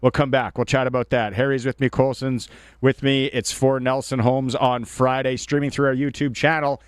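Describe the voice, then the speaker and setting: A man's voice: medium pitch, level tone, normal speed, clean tone, dry recording, clean studio sound. A man hosting a sports talk show in a casual, conversational way.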